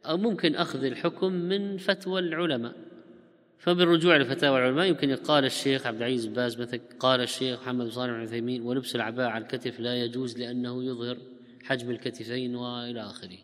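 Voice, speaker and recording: A man's voice: mid-range voice, steady tone, a bit bright, big-room sound. Man giving a religious Q&A lecture. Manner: reads listeners' questions fast, then explains at length. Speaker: religious scholar answering questions.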